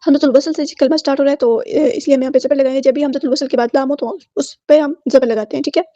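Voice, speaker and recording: Woman tajweed teacher, high voice, close dry dull-toned mic, slow chanted words then brisk explanation. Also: steady tone, dark tone, no room sound. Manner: slow drawn-out chanted recitation of each word, then quick explanation. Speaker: Quran recitation teacher. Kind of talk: tajweed lesson, word by word explanation.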